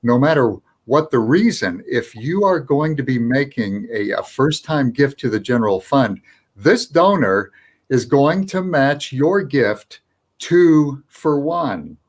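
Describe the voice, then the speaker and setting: A man's voice: medium pitch, lively intonation, takes it slowly. Upbeat man making a donation appeal. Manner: upbeat, explaining with repeated words. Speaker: nonprofit co-host. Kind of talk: live virtual fundraiser appeal.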